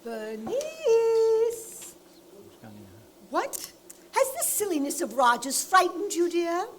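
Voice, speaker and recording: An actress playing a gushing, theatrical older woman producer with a shrill, affected way of talking. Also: sing-song, moderate pace, background noise. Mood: fussy. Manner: shrill, affected and over-the-top. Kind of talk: stage play acting.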